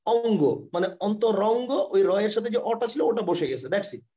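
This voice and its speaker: A man with a Bangladeshi Bengali accent teaching grammar in a live online class over a computer mic. He explains step by step, repeats himself and keeps asking students if the concept is clear. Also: high-pitched, normal speed, mellow. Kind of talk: live online lesson with screen share. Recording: dull, lo-fi online class audio.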